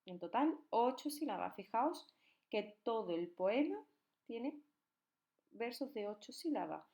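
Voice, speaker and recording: A woman's voice: on the high side, expressive, measured pace, dark tone. A woman teacher gives a recorded lesson on poetic meter, counting syllables aloud and checking in often.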